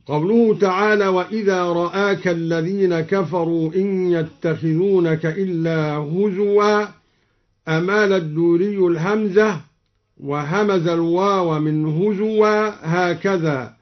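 In an old radio recording, a man teaches Quran reading variants in a measured, deliberate way, moving between plain explanation and chanted verses. His voice sits high with a steady tone, and the highs are cut off.

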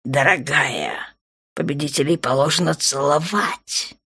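A woman doing a purring, playful dark male lord. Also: unhurried, slightly rough, exaggerated voice. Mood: tender. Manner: low, soft and purring, often near a whisper. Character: smug, teasing dark male lord, wounded but playful. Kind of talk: audiobook character voicing.

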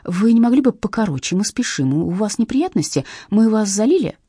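A woman reading a cool, sharp-tongued young woman who cuts others short. Her voice is husky and darkish, in a dry, close recording. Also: mid-range voice, animated, fairly quick, no room sound, pitched above the performer's own voice. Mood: impatient. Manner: cool and impatient.

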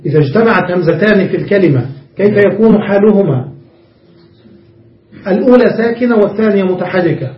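A man with a fairly high voice leads a grammar lesson, explaining each step and pausing to ask his students whether they follow. He is picked up from across a reverberant room. The recording sounds dull and lo-fi. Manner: explains step by step, often checks understanding with the class. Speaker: Arabic grammar teacher. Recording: roomy, muffled recording from a distance.

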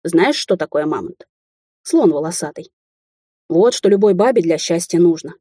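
A woman voicing a gruff older Russian man who lectures in a coarse, bossy way. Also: on the low side, expressive, moderate pace, dark tone, dry recording, clean studio sound. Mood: lecturing.

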